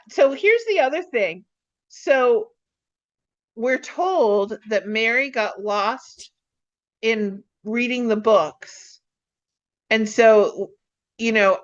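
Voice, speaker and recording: A woman co-hosting a casual chat, excitedly retelling a TV episode and acting out the characters' lines. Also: on the high side, highs cut off. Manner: excitable, acts out characters' lines in quick voices. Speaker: podcast co-host.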